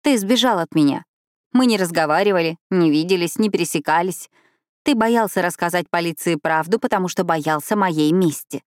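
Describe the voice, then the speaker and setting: Woman doing a firm young woman, low voice, dry. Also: normal speed, no echo, natural voice. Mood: insistent.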